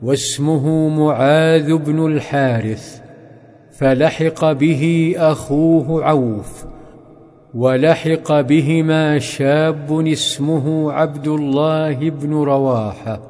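A man narrating a story dramatically, in a slow, sing-song, chanting delivery. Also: fairly high pitch, steady tone, darkish tone. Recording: long reverb with faint background music.

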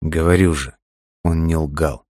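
A man voicing a calm, tired young man who keeps his voice low and even. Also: measured pace, no echo, clean studio sound. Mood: weary.

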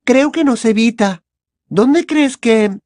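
A man voicing an anxious, clever teenage schoolgirl in an audiobook, raising his voice high and caring. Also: takes it slowly, a little mellow, dry recording, studio quality. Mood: worried. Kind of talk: audiobook character voice.

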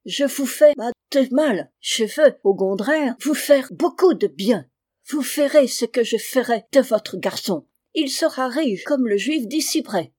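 A woman voicing an eager, scheming middle-aged German man who wheedles and chuckles high. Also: lively intonation, measured pace, darkish tone, dry recording, clean studio sound. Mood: wheedling.

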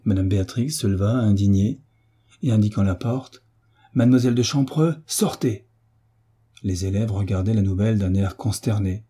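A man reads a classic novel aloud as an audiobook narrator, raising his voice when the characters speak. His tone is very dark and mellow, a little husky, and sits on the low side. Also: fairly even intonation, brisk. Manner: lifts his voice for the characters' lines.

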